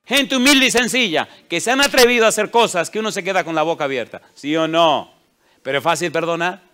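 A man's voice: on the high side, brisk, bright, forceful tone, clear, resonant tone. A man preaching a sermon as a pastor. He asks the congregation rhetorical questions and acts out the people in his stories. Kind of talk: sermon with acted-out anecdotes.

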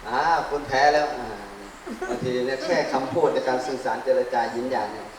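A man, a Buddhist monk, teaches from a handheld mic at the front of a large hall. His talk is loose and conversational, full of questions to the room and drawn-out "ah" fillers. The sound is far off, with heavy echo and a faint hiss. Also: medium pitch, darkish tone. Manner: quizzes the audience and fills gaps with drawn-out "ah". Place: large hall, standing before a seated group. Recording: very echoey hall, distant mic, faint noise.

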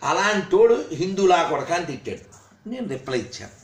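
A man's voice: on the high side, very animated, brisk. A man giving a scolding religious talk, firing rhetorical questions at his listeners. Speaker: religious speaker. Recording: roomy echo.

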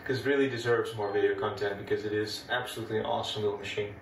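A retro computing video host, a native Dutch speaker with a Dutch accent and a lowish voice, races through a relaxed, chatty step-by-step demo of an old computer. He is in an echoey room full of old machines, recorded with a distant mic and some background noise.

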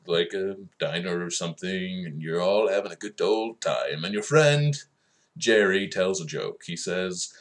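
A man hosting a mock-serious comedy vlog as a fake doctor, solemn one moment and shouting the next. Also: sits low. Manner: mock-serious, swings from solemn murmur to loud outbursts. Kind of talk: deadpan comedic monologue.

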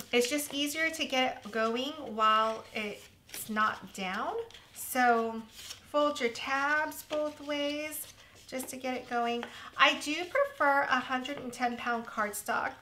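A woman hosting a casual crafting tutorial, chatty and self-deprecating, with a slightly hoarse voice. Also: high-pitched, pushed and bright, slight background noise. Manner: chatty, self-deprecating, laughs at her own mistakes. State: slightly hoarse, losing her voice.

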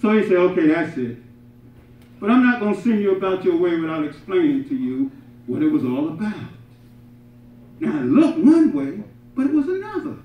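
Animated preacher in an echoey mosque hall. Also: male voice, normal speed, pauses often. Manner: animated, swings from loud emphatic peaks to soft low asides; addresses congregation directly with rhetorical "right?". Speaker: imam giving Friday sermon. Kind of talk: sermon. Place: carpeted mosque prayer hall, indoors, congregation seated on floor. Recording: roomy, distant and slightly dull camera audio.

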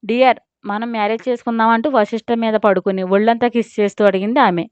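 A woman's voice: a little high, fairly even intonation, fast, clean tone, no room sound, highs cut off. A woman narrating a scripted audio story and voicing all the characters herself.

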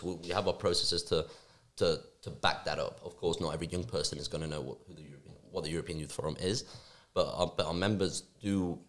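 A young man from Spain speaks with a deep, low voice at a brisk clip. He talks on a podcast mic in a small office studio, restarting sentences as he goes. His answers sound quick and eager. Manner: fast, animated, with frequent restarts and fillers. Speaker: youth forum board member, guest. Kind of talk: conversational interview answers. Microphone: podcast mic on stand, headphones.

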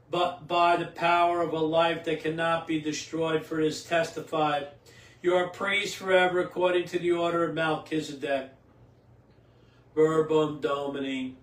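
An older man, a priest, reads scripture in steady liturgical cadence and then preaches a homily at Mass, restarting phrases as he goes. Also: on the high side. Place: small indoor home chapel. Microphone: camera a few feet away. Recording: roomy echo, distant from the mic.

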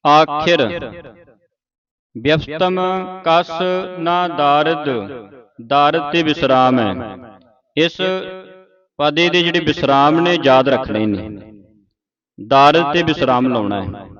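A man teaching scripture pronunciation, slowly sounding out each word and checking that his student understands. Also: fairly high pitch, muffled recording, over music. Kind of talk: slow line-by-line recitation lesson.

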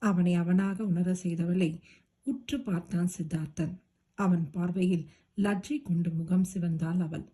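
A woman narrates a romance novel in a steady, expressive storytelling voice. Her voice sits low and mellow, with a soft husky grain. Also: a little slow. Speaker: audiobook narrator.

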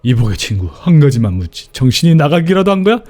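A man's voice: a little high, very animated, fast talker, dark tone. A man reading game notes aloud as an aggrieved, pleading letter writer, theatrical and insistent. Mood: exasperated.

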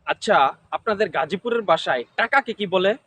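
A man's voice: high-pitched, fairly quick, sharp tone. A man interviewing, asking the same kind of question over and over. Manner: repetitive, formulaic questioning.

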